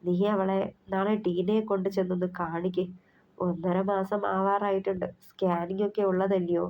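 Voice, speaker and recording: A woman's voice: medium pitch, flat delivery, normal speed, lightly acted. Woman doing an older mom, pushy but motherly, kinda muffled audio. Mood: urging. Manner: persuasive, motherly urging. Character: older mother pressing a marriage proposal. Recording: slightly muffled recording.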